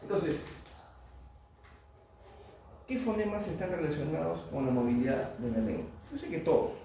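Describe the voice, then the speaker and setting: A man lectures a class from a distance, his dark, gravelly voice bouncing around a very echoey room. Faint noise sits under the recording. He keeps throwing questions at the students and tags his points with "¿no?". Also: fairly high pitch, lively intonation, normal speed. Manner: asks the class questions, tag "¿no?". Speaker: oral surgery lecturer.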